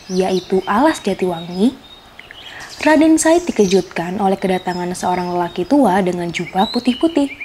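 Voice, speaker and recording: With faint music and slight background noise behind her, a woman who hosts a children's folktale show tells a scripted tale expressively to her young audience. Her mid-range voice is a little mellow.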